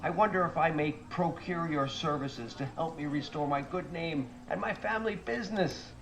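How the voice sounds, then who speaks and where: A man's voice: fairly high pitch, normal speed, pitched above the performer's own voice, natural voice. Man doing Alexander, a polite kobold merchant. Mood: polite, pleading. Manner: courteous, formal. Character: polite well-dressed kobold merchant, male.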